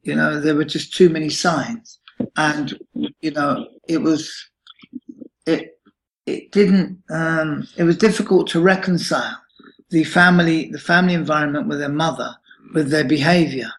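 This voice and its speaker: A man in his late fifties, recounting a troubling experience in a halting interview answer with many restarts. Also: on the high side, fairly even intonation, a bit bright, rough recording. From United Kingdom. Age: 50s. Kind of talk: emotional personal account.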